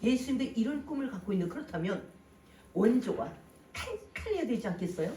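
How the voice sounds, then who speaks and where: An animated pastor preaching to a congregation, voice rising and dropping in lively swings of pitch and loudness. The sermon is picked up from some distance, so the hall rings around the voice. A faint wash of room ambience sits underneath. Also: brisk, slight background noise. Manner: animated, rhetorical questions, swings between loud and soft. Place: church sanctuary.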